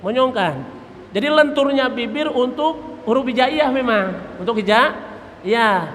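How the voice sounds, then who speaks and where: A man's voice: very high-pitched, unhurried, a bit bright. A man teaching Quran recitation in a mosque, patiently drilling letter sounds and chanting verse examples. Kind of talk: tajwid lesson with chanted examples. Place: mosque hall. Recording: reverberant mosque hall, faint noise.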